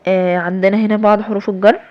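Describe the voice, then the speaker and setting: A woman's voice: medium pitch, level tone, very fast, no room sound, dull audio. A young woman with an Egyptian Arabic accent, explaining English grammar step by step in a recorded lesson, with many fillers and check-ins. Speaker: English teacher.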